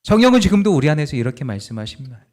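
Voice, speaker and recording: A male pastor preaching a sermon, swinging between loud urging and hushed, slow passages. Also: on the high side. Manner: animated, acts out dialogue in quoted voices.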